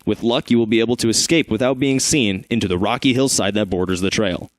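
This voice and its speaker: A man's voice: lowish voice, quick pace, dry recording. Man reading a gamebook aloud, dry sound. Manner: casual asides and self-corrections. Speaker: host and narrator. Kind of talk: reading an adventure book aloud.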